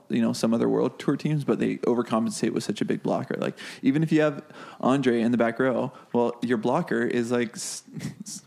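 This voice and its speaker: A man, a beach volleyball player, talking casually as a podcast guest, animated and full of fillers and restarts. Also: medium pitch, gravelly. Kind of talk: casual chat.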